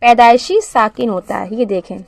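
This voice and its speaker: Slightly high and somewhat dark in tone, a woman guides beginners through Quran reading. She puts questions to the class, supplies the answers herself, and drills each syllable slowly and plainly; there is no room sound.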